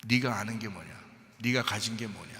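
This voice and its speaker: A man's voice: lowish voice, a little fast, pushed and bright, voice pushed down. A man voicing God, sternly asking a man what he really knows, with a long hall echo. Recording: long church hall reverb.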